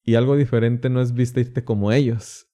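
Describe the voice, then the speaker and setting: A man who is a priest, speaking as a podcast guest in casual chat, relaxed and laughing often. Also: mid-range voice, normal speed.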